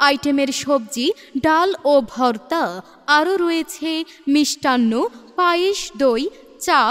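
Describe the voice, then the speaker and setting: High-voiced woman over a loudspeaker. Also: slow pace, in a large hall. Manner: lively sales pitch, listing items. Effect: loudspeaker announcement. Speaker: advertisement announcer. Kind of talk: promotional loudspeaker announcement.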